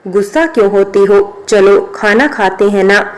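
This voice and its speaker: A woman's voice: medium pitch, measured pace, lightly acted. Woman reading as a teasing young drunkard. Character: brash young man who drinks, gruff then teasing.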